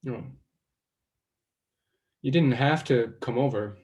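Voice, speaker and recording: Slow and a bit rough at medium pitch, the actor gives an evasive reading of a self-conscious young man in a play. The character keeps rambling, stalling, and fading into hushed self-doubt.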